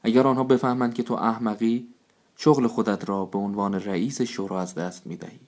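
A man's voice: on the low side, fairly even intonation, darkish tone. A man voicing the clever, practical wife of a foolish council head in a storybook reading, speaking in a matter-of-fact way.

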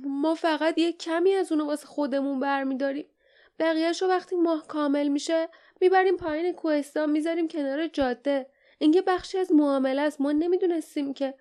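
A woman voicing a frightened female gnome who mutters rapidly under her breath. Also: high voice, steady tone, darkish tone, pitched above the performer's own voice, natural voice. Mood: scared.

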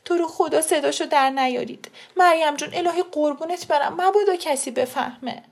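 Woman voicing a shrill tearful aunt. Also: gravelly. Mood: upset pleading. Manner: shrill pleading. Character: middle-aged aunt, tearful and defensive.

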